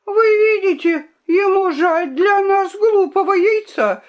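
A woman's voice: takes it slowly, dull audio. A woman voicing a spoiled, haughty little girl princess who shrieks accusations and shrugs things off in a storybook reading. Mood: dismissive. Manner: shrill, shrieking, dismissive.

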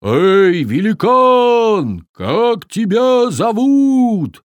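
A man voicing a brave, earnest little male viking in a children's story, calling out loudly. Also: mid-range voice, huge pitch swings, slow, no room sound, studio quality, exaggerated voice. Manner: shouty, earnest.

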